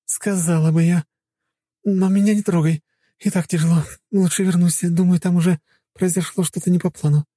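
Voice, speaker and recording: A man voicing a dazed, weary woman who has just been made younger, in an audiobook, using a high put-on voice. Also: steady tone, normal speed, mellow, breathy edge, no room sound, clean studio sound. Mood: weary wonder. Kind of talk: audiobook narration.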